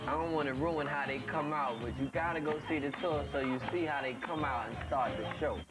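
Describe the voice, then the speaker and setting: A slightly high-voiced man hosts a casual, teasing chat in a basement lounge, laughing as he goes. Loud music plays the whole time behind him on a camcorder tape. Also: a little fast. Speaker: TV show host. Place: basement lounge with sofas and pool table.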